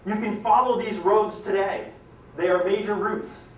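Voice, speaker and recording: A man's voice: fairly even intonation, moderate pace, slight background noise. A man telling a historical story to a live audience, acting out the characters' lines with dramatic swings in voice. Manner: dramatic, acts out quoted lines with rising pitch and volume. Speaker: historical storyteller giving a talk. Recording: echoey room, distant mic, faint ambience.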